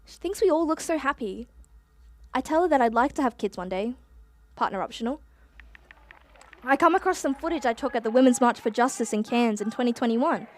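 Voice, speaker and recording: An actress voices a chatty, earnest young time traveller with an Australian accent, narrating a radio play in a breezy, confiding manner. Her voice is high-pitched, with slight background noise.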